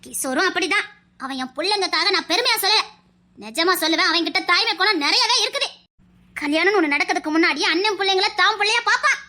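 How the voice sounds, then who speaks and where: A woman's voice: very high voice, pushed and bright, full character voice. Woman playing a pleading Tirunelveli matriarch. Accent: Tirunelveli Tamil. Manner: earnest, pleading, lecturing. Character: elderly mother-in-law matriarch, earnest, pleading. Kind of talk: family web-drama acting.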